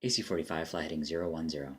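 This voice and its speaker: A man's voice: very deep voice, fairly even intonation, racing, over a noisy crowd. A man speaking as an air traffic controller, mixing clipped phraseology with casual commentary. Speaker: air traffic controller player and demo narrator.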